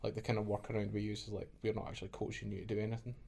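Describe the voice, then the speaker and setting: A man's voice: fairly low pitch, level tone, racing, creaky, a little mellow, a little hiss or hum. A man, a head coach, guesting on a podcast and telling easygoing stories. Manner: easygoing storyteller, often laughing. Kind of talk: casual interview chat.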